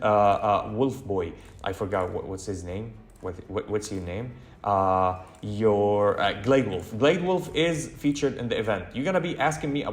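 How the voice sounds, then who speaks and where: A man's voice: lowish voice, roomy sound. A man talking through a video game in a casual walkthrough, chatty, with many fillers and self-corrections. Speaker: gaming channel host.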